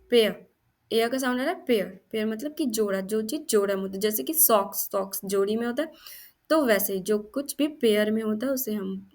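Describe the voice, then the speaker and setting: A young woman teaching English phonics, slowly repeating each word and explaining its meaning. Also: on the high side. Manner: slow, repeats each word several times, gives meanings.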